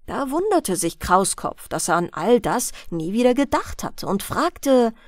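Slow, gentle woman telling a bedtime tale. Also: a little high, very animated, dry recording, studio quality. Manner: gentle, soothing storytelling. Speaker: audiobook narrator. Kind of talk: calm bedtime fairy-tale narration.

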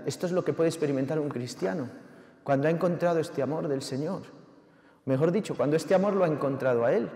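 A man's voice: a little high, warm tone. A man preaching a sermon, passionate and at times fervent, often asking the listener direct questions. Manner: impassioned, rising to fervent exhortation. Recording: echoey hall with long reverb.

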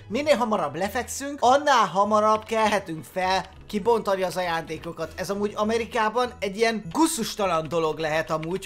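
A man riffing through a let's play as a gaming YouTuber, excitable and jokey, breaking into sudden loud outbursts. His voice is bright and forceful, with faint game music underneath. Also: high-pitched.

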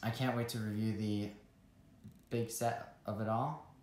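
A man's voice: fairly low pitch, unhurried. A young man casually reviewing a toy set at a table, talking loosely with lots of fillers. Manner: relaxed, many fillers and trailing asides. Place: room at a table with toys. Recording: echoey room with clear background noise.

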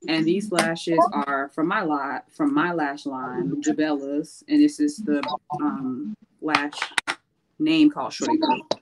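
A woman's voice: low voice, expressive, slow pace, heavy background noise. A woman co-hosting a live makeup show, explaining beauty tips in a chatty way with frequent fillers. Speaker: makeup co-host with her own lash line. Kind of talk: casual makeup tutorial chat.

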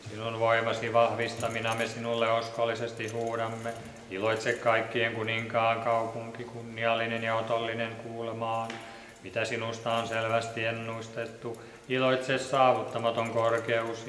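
A man reading liturgical prayers in a steady, monotone recitation in a large church. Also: medium pitch, slight background noise. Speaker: liturgical reader. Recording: echoey church with long reverb.

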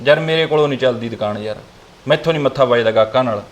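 Fed-up fast-talking young man. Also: mid-range voice. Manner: frustrated, fed up. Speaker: husband in a family skit.

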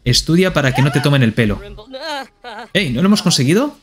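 A man's voice: on the high side, big pitch swings, a little fast, over music. A man with a Spain Spanish accent streaming live gameplay commentary, playfully talking to himself and to the characters on screen.

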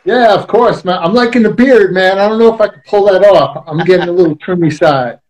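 A man's voice: sits high, brisk, a little mellow, some chatter behind, rough recording. A man in his thirties from Queens with a New York accent, hosting a talk show over a video call in a chatty, joking way. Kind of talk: casual interview chat.

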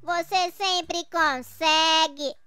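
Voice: very high voice, steady tone, drawn-out words, bright, forceful tone, dry recording, faint music behind, heavily acted. An actor voicing a timid little boy, a reluctant sidekick who protests and gives in, in a children's comic dub. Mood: protesting. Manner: protesting, whiny, resigned.

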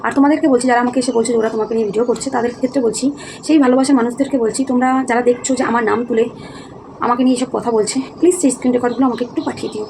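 A woman's voice: fairly high pitch, fairly even intonation, very fast, creaky. A woman vlogger talking earnestly to her viewers, explaining herself, weary and heavy-hearted. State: feeling low and heavy-hearted. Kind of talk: casual talk to viewers. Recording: noticeable background noise.

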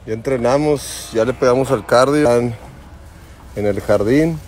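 A man with a Mexican Spanish accent, vlogging at home with his family, cheering and coaching his kids excitably. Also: medium pitch, moderate pace. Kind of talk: casual home vlog.

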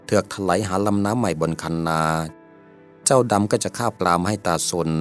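A man telling a folk tale in measured, steady scripted narration. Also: sits low. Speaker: storyteller.

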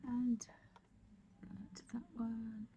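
A woman presenting a digital art tutorial talks casually and without a script, musing aloud as she draws. Her voice sits on the high side with little pitch movement, she takes her time, and the background is noisy.

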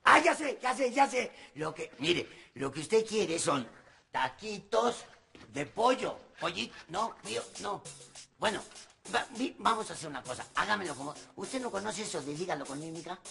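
An actor playing a chatty, cheerful male servant who tells rambling, animated stories. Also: high-pitched, normal speed, vocal fry, exaggerated voice. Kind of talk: telenovela acting.

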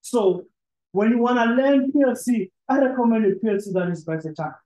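A man's voice: very high-pitched, a little fast, warm tone, roomy sound, low-quality recording. A man giving a one-on-one training lesson, explaining step by step with frequent restarts. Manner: explanatory, with many restarts and filler "ne?". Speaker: PLC trainer. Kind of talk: one-on-one screen-share lesson.

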